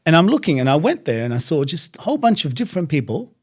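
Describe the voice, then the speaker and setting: A man with an Australian accent, a podcast guest telling anecdotes in a relaxed way with frequent ums and uhs. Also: fairly high pitch, fast talker. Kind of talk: casual storytelling interview.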